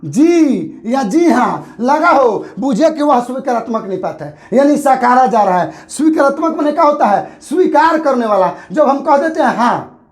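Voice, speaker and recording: A man's voice: very high voice, very animated, moderate pace. A man teaching a grammar lesson for exam preparation, who asks questions and answers them himself and repeats the key terms.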